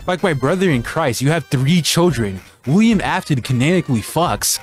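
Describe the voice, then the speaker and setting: A man's voice: a little high, animated, normal speed, soft background music. A man hosting a video essay with casual comedic commentary, joking and sardonic in slangy speech.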